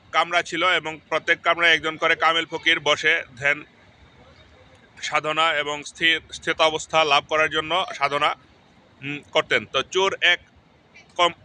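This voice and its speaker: A man with a very bright, forceful voice, pitched a little high, talks through a poem and tells a parable at a measured pace. Faint street noise sits behind him. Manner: measured storytelling with fillers. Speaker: poetry lecturer.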